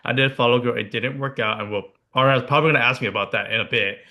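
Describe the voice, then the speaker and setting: Bright-voiced young man, Hawaii-raised. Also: mid-range voice, rapid-fire. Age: 20s. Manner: candid, joking, repeats his points. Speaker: podcast co-host. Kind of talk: casual podcast chat.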